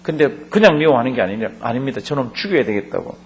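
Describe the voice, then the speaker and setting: Lively pastor teaching a Bible class. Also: male voice, mid-range voice, fast talker. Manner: reads scripture verses aloud, then explains them in a chatty, conversational way; asks the class questions and leads group reading. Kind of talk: Bible study lecture.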